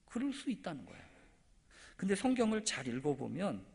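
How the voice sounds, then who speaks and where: A man's voice: sits high, huge pitch swings, fairly quick, creaky, darkish tone, husky. A male pastor preaching a sermon, telling a story animatedly and asking the congregation questions. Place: church sanctuary. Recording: echoey church hall.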